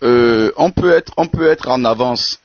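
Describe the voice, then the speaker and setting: A man from Benin speaking in an online debate, halting with many repeated words and fillers. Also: medium pitch, no room sound. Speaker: debate participant. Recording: dull lo-fi audio.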